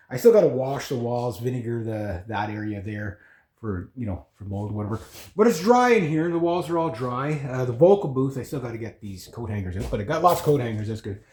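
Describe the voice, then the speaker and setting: A man chatting casually and haltingly as he gives a rambling, informal house-tour vlog. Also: fairly high pitch, a little mellow. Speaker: vlogger. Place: indoors in an old house room. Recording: echoey bare room.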